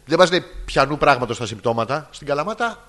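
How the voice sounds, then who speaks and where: A man's voice: on the high side, soft background music. A man co-hosting a casual podcast, teasing his partner and joking crudely in loose banter. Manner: joking, teasing, swearing, lively. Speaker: podcast co-host.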